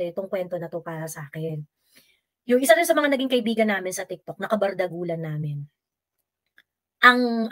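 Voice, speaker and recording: A woman giving heated political commentary as a vlogger and livestreamer, sarcastic and mixing Filipino with English. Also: mid-range voice. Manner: mocks opponents by quoting them in exaggerated voices.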